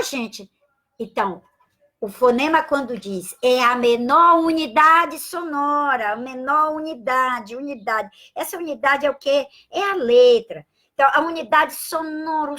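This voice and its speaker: A Brazilian woman teaching a live-streamed Portuguese lesson, spelling sounds out slowly and greeting viewers by name with affectionate asides. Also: high-pitched, bright, forceful tone. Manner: slow, drawn-out spelling of sounds and letters.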